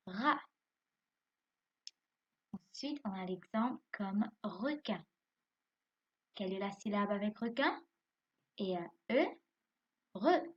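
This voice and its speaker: A woman's voice: medium pitch, slightly rough, lo-fi sound. A woman teaching young pupils from home, spelling out words letter by letter and quizzing them, then answering her own questions. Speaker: primary school teacher.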